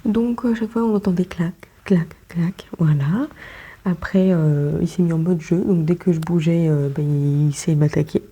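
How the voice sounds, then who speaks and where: A woman's voice: lowish voice, moderate pace, dark tone, breathy edge. A woman chatting casually at home in a vlog, rambling with many fillers and restarts. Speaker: vlogger.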